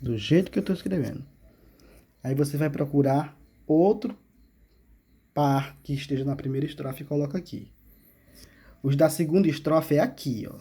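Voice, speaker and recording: A man's voice: a little high, normal speed, long pauses, mellow, slightly rough. A male teacher, explaining a school exercise step by step and checking in with frequent questions. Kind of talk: remote classroom lesson.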